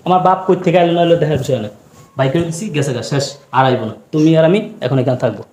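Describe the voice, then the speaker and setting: A man's voice: a little high, expressive, racing, a little mellow, natural voice. An actor playing a brusque young husband who throws his father out to please his wife. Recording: echoey room.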